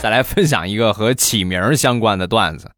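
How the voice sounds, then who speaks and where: A man telling comic anecdotes about married life in a lively, animated way. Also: fairly low pitch, brisk, music in the background. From China. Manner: animated, switching into playful voices. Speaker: comedy storyteller.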